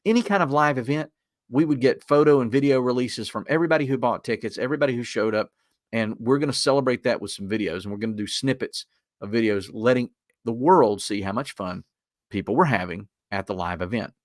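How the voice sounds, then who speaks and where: A man's voice: mid-range voice, a little fast, no echo, clean studio sound. A man with a Southern Appalachian accent giving an informal, conversational instructional webinar in a folksy manner. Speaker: webinar presenter.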